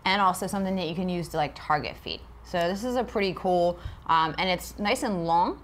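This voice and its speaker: A woman's voice: on the low side, fairly quick, slight background noise. A woman co-hosting a casual livestream, chatty and upbeat with lots of fillers while she demonstrates. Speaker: co-host of a livestream. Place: aquarium studio.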